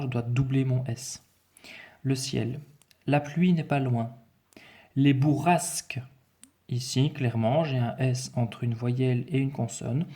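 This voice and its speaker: Methodical man teaching spelling, mellow. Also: medium pitch. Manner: methodical, spells out letters, repeats key points. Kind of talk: spelling lesson explanation.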